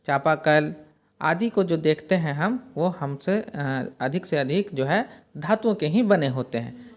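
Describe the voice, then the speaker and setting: A male teacher giving a chemistry lesson, explaining step by step and often rephrasing his points. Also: on the high side. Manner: explanatory, repeats and rephrases points, occasional fillers.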